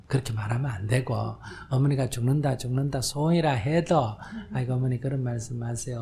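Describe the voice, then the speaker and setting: A man's voice: mid-range voice, darkish tone, slight background noise. An older man, a Buddhist monk, giving a conversational question-and-answer dharma talk, often asking listeners whether they understand and acting out quoted voices. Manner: acts out quoted voices, drops to whispers. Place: lecture hall with audience.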